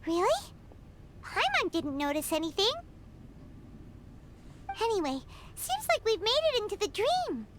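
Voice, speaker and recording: A woman voicing a tiny floating fairy companion in a game, excitable and chatty, with a high squeaky childlike voice. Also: unhurried, pauses often, noisy background, exaggerated voice. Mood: chirpy. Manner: bouncy, exclamatory. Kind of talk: game voice acting. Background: game music.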